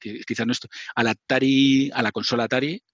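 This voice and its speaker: A middle-aged man, chatting as an interview guest and poking fun at himself as he goes. His voice sits at an ordinary pitch. It comes through a dull, lo-fi line in a dry, dead-sounding room. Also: steady tone, a little fast, fairly bright tone, no echo. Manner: chatty, self-mocking, often laughing and restarting. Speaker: podcast guest, former magazine writer. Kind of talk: casual interview storytelling.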